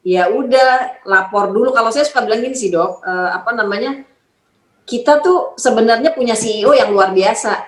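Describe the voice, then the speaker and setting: A woman's voice: on the high side, normal speed, reverberant, poor audio. A woman hosting a casual live-stream interview, chatty and agreeable with plenty of fillers. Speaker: host of an online talk.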